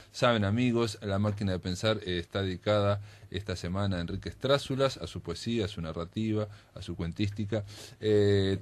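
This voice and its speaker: A man with a Uruguayan accent hosting a radio talk show, chatty with frequent fillers. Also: on the low side. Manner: warm-up chatty, many fillers. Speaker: radio host. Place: radio studio.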